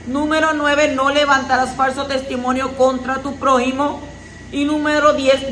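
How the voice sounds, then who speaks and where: A woman reading and teaching a weekly Torah portion in a measured tone, adding brief explanatory asides. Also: high-pitched, fairly bright tone, reverberant, slight background noise, poor audio. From Puerto Rico.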